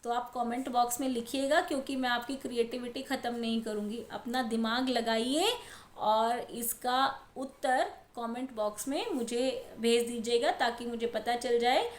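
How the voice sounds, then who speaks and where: Here a woman with a slightly high voice speaks at a normal pace in a roomy-sounding space. She's giving children a primary school language lesson, slow and explained, taking the words carefully and patiently one by one.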